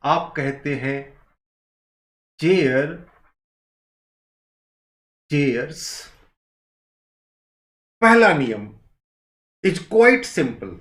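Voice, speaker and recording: A man giving a recorded grammar lecture, explaining slowly and repeating each point. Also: a little high, sing-song, a bit bright, roomy sound. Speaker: grammar teacher.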